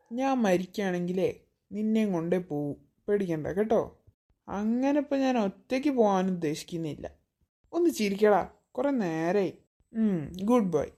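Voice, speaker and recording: A woman voicing a teenage boy in a cartoon, speaking calmly and reassuringly, with soft teasing. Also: mid-range voice, close to an everyday voice. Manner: calm, reassuring, softly teasing. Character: calm teenage boy returned after an accident. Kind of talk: cartoon voice acting.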